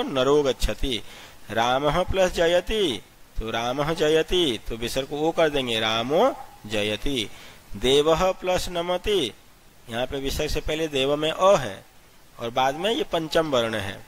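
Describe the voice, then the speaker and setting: A man teaching a grammar lesson step by step, asking questions and answering them himself, and spelling out letters slowly one at a time. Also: mid-range voice. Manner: explains step by step, asks and answers his own questions. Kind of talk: classroom-style grammar lesson.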